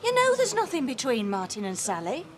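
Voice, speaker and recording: A woman's voice: sits high, huge pitch swings, fairly quick. An actress playing an exasperated woman, pleading for peace and defending a friend.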